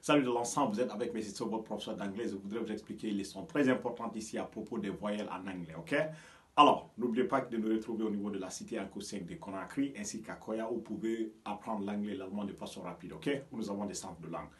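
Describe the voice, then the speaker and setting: A man's voice: fairly low pitch, fast. A man from Guinea teaching English vowels, explaining patiently and often checking with "ok?" and "you understand me?". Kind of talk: bilingual language lesson. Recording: voice from a distance from the mic.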